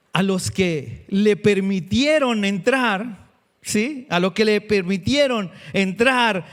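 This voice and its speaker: A male pastor preaching a sermon, asking the congregation questions and slowing down to stress key words. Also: extremely high pitch, a bit bright.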